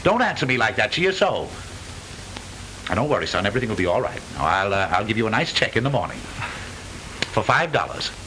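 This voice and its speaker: A man's voice: on the low side, big pitch swings, pushed and bright, rough recording. Stagey, blustering old-movie father. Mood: firm, fatherly. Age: middle-aged. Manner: stagey old movie actor delivery, blustering, halting repetitions. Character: blustering, lonesome widowed father, flustered businessman. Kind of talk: stagey 1920s early-talkie comedy film acting. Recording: hissy 1920s film soundtrack.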